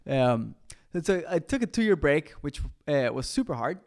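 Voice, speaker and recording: A man's voice: a little high, normal speed. A young man from Costa Rica, a guest musician chatting casually, full of fillers and "like". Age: young adult. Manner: relaxed, filler-heavy, says like often. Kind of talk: casual chat.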